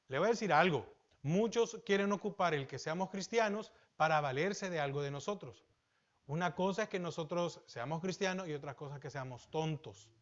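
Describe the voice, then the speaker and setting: Salvadoran male pastor, high voice, sermon on a dull lo-fi recording, questions to the pews. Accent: Salvadoran Spanish. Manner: preaching with questions to the congregation, rising emphatic then dropping low.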